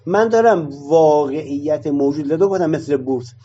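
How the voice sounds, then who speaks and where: A man's voice: fairly high pitch, lively intonation, warm tone, husky, dull audio. A man arguing his point in a discussion session, explaining it through rhetorical questions.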